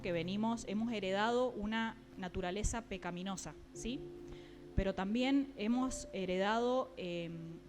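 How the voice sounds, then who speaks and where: A woman preaching a sermon, often pausing with fillers and checking in with her listeners. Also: mid-range voice. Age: adult, mother.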